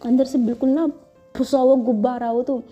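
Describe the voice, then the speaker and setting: Bossy scolding young friend, voiced by a woman storyteller; dark, mellow tone, faint music behind. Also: high-pitched, flat delivery, fairly quick, dull audio. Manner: scolding, pushy.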